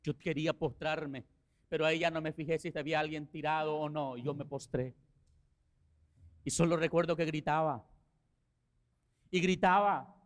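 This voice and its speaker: A man preaching a sermon as pastor, telling a story with rising passion and quiet, slow passages. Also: on the high side, little pitch movement. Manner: impassioned preaching, swelling to shouts then dropping soft.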